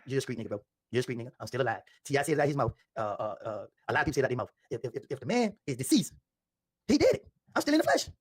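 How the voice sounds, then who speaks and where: Husky man telling his side, fast. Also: medium pitch, lively intonation, no echo, clean studio sound. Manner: defensive, insistent, repetitive. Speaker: interviewee. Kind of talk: emotional interview storytelling.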